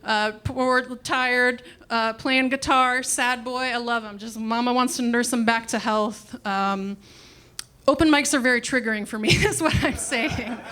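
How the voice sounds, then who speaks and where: A woman doing a stand-up comedy set in a club, wry and self-deprecating, acting out quick bits of dialogue. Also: on the high side, steady tone, sharp tone.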